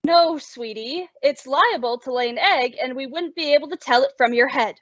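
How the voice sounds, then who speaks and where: In an old-time radio comedy, a woman plays a sensible but exasperated roommate, giving her lines a sardonic, dramatic bite. Her voice sits high and moves at a normal speed with no room sound, captured in a dull, lo-fi radio-style recording.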